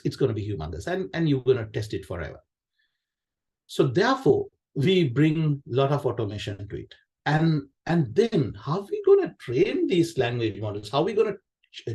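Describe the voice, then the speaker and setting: This QA director, a native Sinhala speaker with a Sri Lankan accent, has a medium-pitched, slightly mellow voice. Delivering a conference session, he explains technical content casually, repeating himself and frequently checking in with questions that end in "right?".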